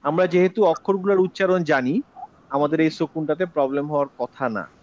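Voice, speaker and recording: A man teaching an online Quran recitation class, drawing out syllables slowly for students to repeat. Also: fairly high pitch, highs cut off.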